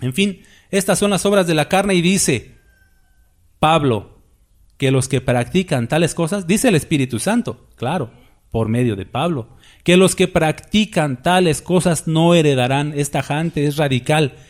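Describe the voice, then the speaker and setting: A man's voice: fairly high pitch, animated, unhurried. A man preaching a sermon, emphatic and full of rhetorical questions to the congregation.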